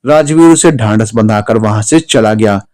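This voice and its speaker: A man's voice: lowish voice, moderate pace, darkish tone. A man narrating an emotional story as a storyteller, voicing all the characters himself and raising his voice for the women and the angry moments. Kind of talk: scripted narration with acted dialogue.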